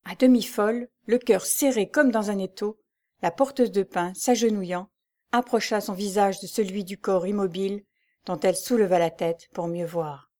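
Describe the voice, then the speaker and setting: A woman narrating an old serialized novel in a measured, suspenseful audiobook reading. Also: mid-range voice, steady tone, darkish tone.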